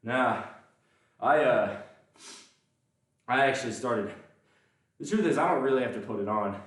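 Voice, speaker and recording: A livestreaming lifter with a mild Southern accent talks unhurriedly and animatedly to his viewers between sets, his medium-pitched voice poking fun at himself. He's far from the mic in a very echoey indoor gym.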